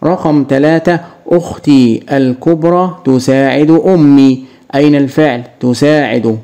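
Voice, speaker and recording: A man's voice: on the high side, warm tone. A man with an Egyptian accent teaching a grade-school grammar lesson, explaining step by step and asking and answering his own questions.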